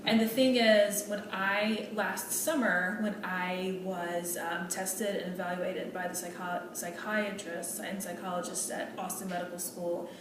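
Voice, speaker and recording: A woman with a lowish voice, close to how she normally speaks, plays an earnest female medical student in a role-play meeting. She comes across as polite and hesitant, with many fillers and restarts, in a noisy recording from a distant mic in an echoey room.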